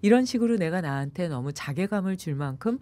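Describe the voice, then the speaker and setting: Animated woman with a lively, mellow voice. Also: on the low side, brisk, no room sound. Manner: animated, acts out quoted voices. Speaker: meditation yoga expert guest. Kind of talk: radio talk interview.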